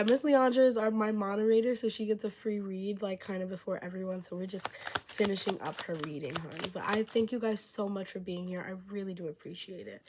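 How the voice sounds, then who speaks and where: Heavy background noise surrounds a woman with a mid-range voice who reads tarot on a live stream. Sick and losing her voice, she rambles through plenty of fillers while effusively thanking viewers.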